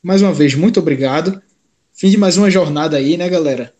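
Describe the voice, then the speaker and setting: A man's voice: a little high, fairly quick, darkish tone. A man hosting a sports podcast in an informal, colloquial way. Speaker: podcast host. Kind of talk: casual sports podcast talk.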